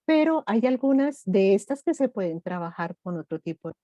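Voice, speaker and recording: Middle-aged woman, gentle reflective speaker, mellow tone, flat lo-fi audio. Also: mid-range voice, normal speed, no echo. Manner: gentle, reflective, personal examples. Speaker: grief workshop speaker. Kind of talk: online workshop talk.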